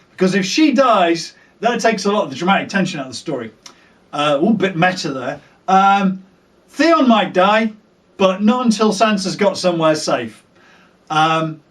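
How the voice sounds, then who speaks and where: A man talks through his fan predictions in a casual, joking ramble while short on sleep. His voice sits fairly high and swings widely in pitch. He sounds set back from the microphone. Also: far from the mic. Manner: animated, rambling, jokey. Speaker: fan video host.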